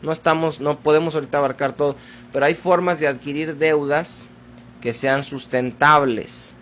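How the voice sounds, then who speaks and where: A man preaching a sermon, addressing his listeners as brothers in a slow, deliberate teaching manner. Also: on the high side, steady tone, a bit bright, slight background noise.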